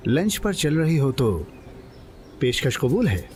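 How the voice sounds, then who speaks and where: A man dubbing a smooth, flirtatious charmer in a TV drama. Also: a little high, sing-song, slow. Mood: suave. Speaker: dubbing actor. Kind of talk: Urdu dub of a TV drama.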